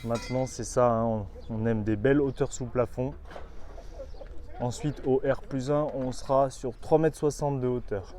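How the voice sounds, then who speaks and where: A man's voice: medium pitch, fairly even intonation, normal speed, noisy background. A man giving an informal on-site walkthrough of a building site, explaining the work with some hesitant fillers. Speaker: construction company guide.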